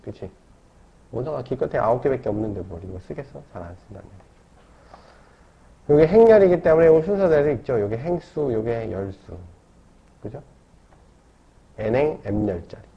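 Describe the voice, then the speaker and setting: A man's voice: mid-range voice, expressive, moderate pace, vocal fry, pauses often. A man teaching a math lesson, explaining step by step and often checking in with tag questions. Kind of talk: classroom lecture. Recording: dull lo-fi lecture recording.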